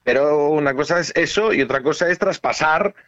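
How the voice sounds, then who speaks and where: A man hosting a casual radio chat, telling stories in an animated way and laughing as he talks. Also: on the high side, brisk, no room sound, dull audio. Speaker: radio host.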